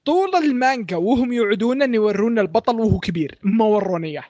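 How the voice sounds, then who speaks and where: A man's voice: high voice, expressive, racing, a crowd in the background. A young man hosting a casual podcast, venting exasperated complaints in a ranting way. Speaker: podcast host.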